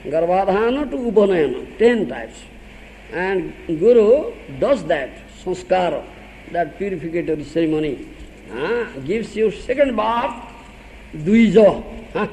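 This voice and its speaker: A man's voice: high voice, expressive, a little slow, warm tone, in a large hall, slight background noise, rough recording. An older man with an Odia accent, a spiritual teacher giving a sermon, laughing often and questioning his listeners.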